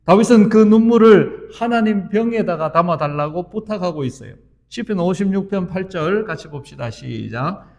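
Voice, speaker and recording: A man's voice: high-pitched, expressive, moderate pace, darkish tone, lo-fi sound. A pastor in his fifties preaching a sermon in an earnest, storytelling way that rises to fervent emphasis. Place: church sanctuary.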